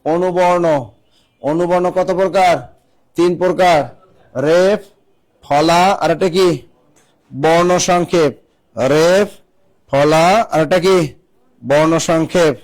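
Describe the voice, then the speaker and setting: A man's voice: fairly high pitch, steady tone, slow, pauses often, a little mellow. Quizzing male teacher, raised voice. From Bangladesh. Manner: repeats key phrases, quizzes the class. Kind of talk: classroom lecture.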